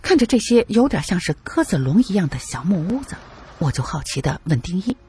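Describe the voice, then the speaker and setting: A man's voice: high-pitched, very animated, fairly quick, mellow, breathy edge. A male narrator telling a first-person adventure story in a dramatic, colloquial way.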